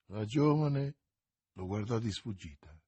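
A man narrating a classic novel in a measured, deliberate audiobook reading. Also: lowish voice, lively intonation, dark tone, breathy edge.

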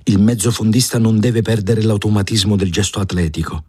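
A man giving a measured, even first-person reading of a novel for a radio audiobook. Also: lowish voice, husky, dry recording, studio quality. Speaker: audiobook reader.

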